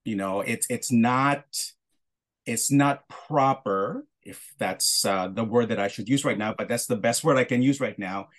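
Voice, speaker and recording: Guy from the philippines hosting a chat, mid pitch, stops and restarts a lot. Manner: halting, with frequent restarts and warm laughter. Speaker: podcast host. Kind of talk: conversational interview.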